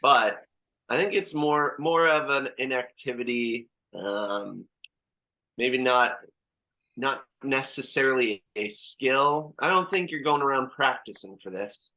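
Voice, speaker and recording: A young man in casual podcast talk with his brothers, thinking out loud with many restarts. His voice is bright and forward at a middle pitch. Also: slow pace, rough recording. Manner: rambling, hesitant, laughs along. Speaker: podcast co-host. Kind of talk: casual chat among brothers.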